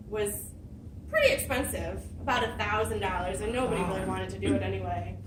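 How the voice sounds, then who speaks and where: A woman giving a prepared personal story speech at a speaking club, telling it with lively dramatic emphasis. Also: medium pitch, noisy background. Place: meeting room. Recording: roomy hall, mic at a distance.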